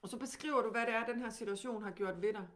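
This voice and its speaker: Calm Danish woman with a fairly high voice. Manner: calm, gently guiding, with many questions. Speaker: teacher. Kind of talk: teaching.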